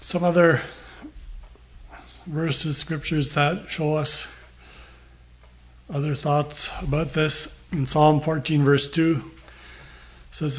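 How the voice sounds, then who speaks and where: An older man delivers a sermon with a fairly high-pitched voice. He reads scripture slowly and deliberately, then talks it through in a plain, unhurried way with pauses between phrases. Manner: slow, measured reading with pauses. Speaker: preacher.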